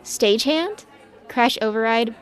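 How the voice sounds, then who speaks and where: A woman's voice: on the high side, expressive, a little slow, smooth. An actress playing a nosy young woman who teases and gossips nonstop. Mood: teasing. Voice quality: teasing, chatty. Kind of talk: audio drama acting.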